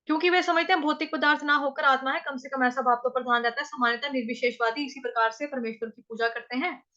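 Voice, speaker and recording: A woman with a North Indian accent teaching Sanskrit verse recitation, drilling each syllable slowly and repeating it several times. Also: high voice, steady tone, bright, forceful tone, lo-fi sound. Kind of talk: chanting lesson, syllable by syllable.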